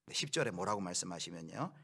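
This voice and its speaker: Male pastor, sermon delivery, expressive, sudden raised voice. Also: low voice, very fast, vocal fry, husky. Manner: preaching with acted quotes and sudden loud outbursts.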